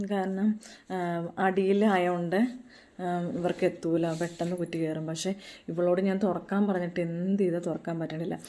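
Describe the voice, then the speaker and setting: A woman's voice: fairly low pitch, dark tone. A woman, chatting in a casual home vlog and coaxing her toddler in a sing-song way. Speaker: mother and home vlogger.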